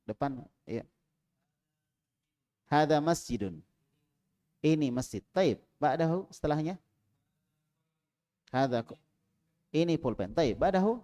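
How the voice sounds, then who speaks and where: Lively, high-pitched male teacher. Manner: drills students, swings between loud prompts and quiet asides. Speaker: Arabic teacher. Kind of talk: classroom Arabic lesson. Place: small mosque prayer room.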